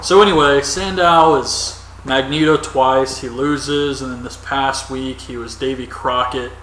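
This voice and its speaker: A man's voice: medium pitch, steady tone, a little slow, a bit bright, a little hiss or hum. Rambling man with echoey distant mic. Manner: rambling, opinionated, frequent ums. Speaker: wrestling reviewer. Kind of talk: casual solo commentary.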